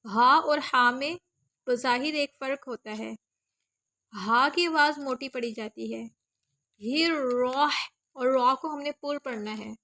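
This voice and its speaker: A woman teaching Quran recitation online, explaining pronunciation step by step and spelling out letters and vowels slowly. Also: high-pitched, sharp tone. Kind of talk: recitation lesson with slow demonstrations.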